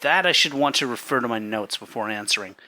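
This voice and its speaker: In a dramatic reenactment of an 1893 trial, a man plays a careful, polite surveyor giving precise, literal testimony in a measured, matter-of-fact way. His mid-range voice is animated, pushed and bright, and the audio quality is poor.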